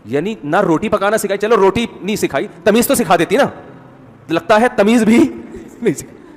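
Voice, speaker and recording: A man's voice: high voice, long reverb tail, close to an everyday voice. A preacher doing a taunting mother-in-law. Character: scolding, sarcastic older mother-in-law.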